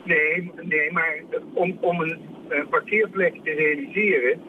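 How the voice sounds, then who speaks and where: A man's voice: fairly high pitch, fairly even intonation, measured pace, a little hiss or hum. A man calling in to a radio show over a phone line, explaining things step by step in a matter-of-fact way. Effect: heard over a phone line. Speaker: caller.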